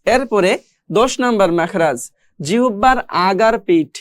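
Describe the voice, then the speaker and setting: A recitation teacher giving a recorded online class, patiently explaining step by step and repeating each letter sound slowly several times. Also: medium pitch, animated, no room sound, clean studio sound. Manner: explains step by step, addressing learners directly.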